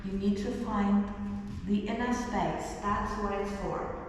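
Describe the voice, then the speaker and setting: A woman guides a stretching class slowly and gently, drawing out her instructions. Her reassuring voice rings through a very reverberant room, picked up from a distance. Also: mid-range voice, steady tone. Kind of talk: guided exercise class with meditative cues. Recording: very echoey reverberant room, distant, faint noise.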